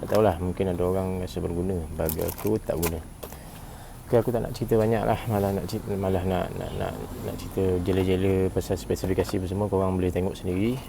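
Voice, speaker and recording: Low-pitched and quick, with little pitch movement, a Malaysian man reviews a gadget informally while noise fills the background. He tends to repeat himself, clears his throat, and tacks "eh" onto many phrases.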